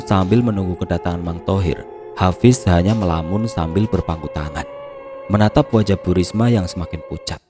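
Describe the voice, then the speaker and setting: A man narrating a horror story in a steady, hushed storytelling manner. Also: low-pitched.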